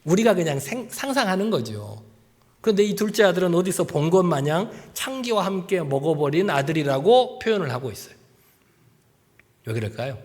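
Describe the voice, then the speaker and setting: A man preaching a sermon as pastor, acting out quoted voices and sometimes dropping to a soft near-whisper. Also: high voice, very animated, normal speed. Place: church sanctuary. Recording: church hall with long reverb.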